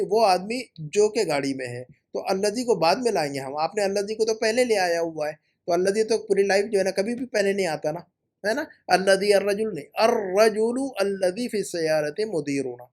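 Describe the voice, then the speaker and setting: A man teaching Arabic, going through students' homework and correcting mistakes, repeating the right phrases slowly. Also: high-pitched, a little mellow.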